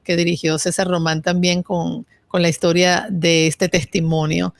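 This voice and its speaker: Woman, interview host, composed, reflective, lowish voice, dry close sound. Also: little pitch movement, normal speed, creaky, no echo. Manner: composed, reflective, frequent listening murmurs. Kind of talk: interview host questions and program narration.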